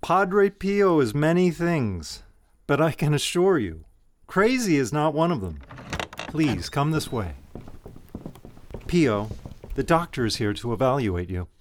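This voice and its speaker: A measured monastery superior, expressive, higher-voiced. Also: male voice. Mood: calm, courteous. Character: calm, protective male monastery superior. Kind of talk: dramatized audio story acting. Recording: loud music under the voice.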